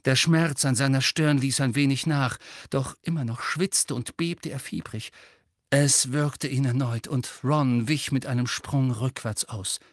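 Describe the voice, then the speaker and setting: A man narrating an audiobook in a measured, dramatic reading. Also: medium pitch, no room sound, clean studio sound. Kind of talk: scripted narration.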